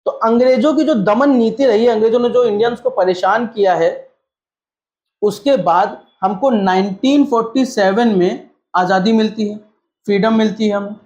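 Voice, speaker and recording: A man's voice: sits high, normal speed, darkish tone. A man teaching a lesson, asking questions and answering them himself, mixing English terms into his talk. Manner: mixes English terms into Hindi. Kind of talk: classroom-style lecture. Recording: echoey room, slightly dull sound.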